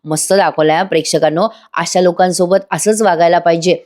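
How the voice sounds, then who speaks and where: A woman's voice: fairly low pitch, fairly even intonation, fairly quick, a little mellow. Chatty woman recapping a TV episode. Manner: chatty, addresses viewers directly. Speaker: TV serial reviewer.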